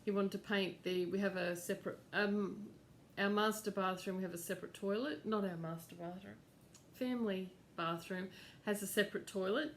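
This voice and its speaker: A middle-aged woman hosts a cross-stitch crafts channel from home, chatting casually and rambling with lots of fillers and laughs. Her medium-pitched voice stays steady at a moderate pace, with a slight hiss or hum in the audio.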